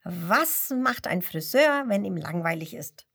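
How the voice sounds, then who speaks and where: A woman voicing a cheeky male hand-puppet clown in a children's storybook reading, loud, high and bouncy as he cracks jokes. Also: lively intonation, a little slow, gravelly, husky, full character voice. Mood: jolly.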